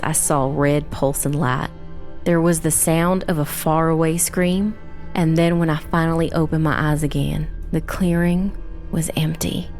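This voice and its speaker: A woman voices a young girl who survived, narrating a dark fantasy story in the first person. Her delivery is low, measured, and grave.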